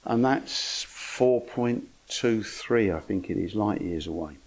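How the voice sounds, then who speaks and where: A man's voice: lowish voice, slow pace, gravelly, a little mellow, rough recording. An older man giving an informal lecture to an astronomy club, with dry, wry humour and chatty asides. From England.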